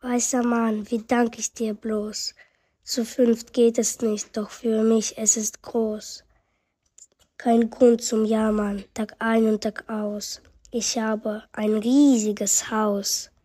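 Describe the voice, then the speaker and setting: Woman playing a grumbling old grandma, unhurried, wailing in rhyme. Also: on the high side, flat delivery, warm tone, slightly rough. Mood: relieved. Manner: rhyming, wailing lament. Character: fretful old grandmother, forever complaining. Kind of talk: rhyming story reading.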